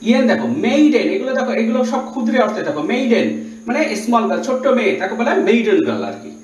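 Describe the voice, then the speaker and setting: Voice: mid-range voice, sing-song, racing, a little mellow. A teacher giving a grammar lesson, explaining step by step and spelling out words letter by letter. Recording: echoey room, voice from a distance.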